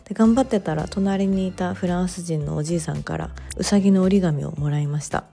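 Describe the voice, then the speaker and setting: A woman narrating her vlog in a relaxed voice-over, chatty and gently enthusiastic, with soft fillers. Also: on the low side, brisk, creaky, soft background music. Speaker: bookstore owner vlogger.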